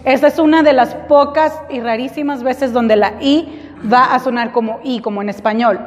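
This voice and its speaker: A woman English teacher giving a classroom lesson in Spanish, drilling students slowly and clearly with repeat-after-me prompts. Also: high voice, fairly even intonation, in a large hall.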